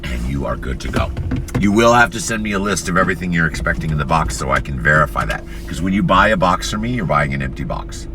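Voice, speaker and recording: A man's voice: very deep voice, lively intonation, fast, music in the background. A man in his fifties hosting a live stream, chatting casually and at length from inside a car. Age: 50s. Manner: rambling, chatty, frequent laughs. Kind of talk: casual vlog chat while driving. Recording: noisy car interior.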